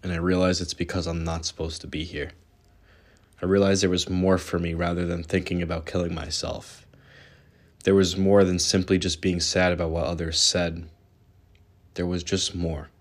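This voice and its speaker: A young man with a deep, low voice hosts his own podcast and tells his life story straight to the listener. He speaks earnestly and candidly, now and then restarting a word. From born in Israel, raised in New York. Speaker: podcast host. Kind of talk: personal storytelling monologue.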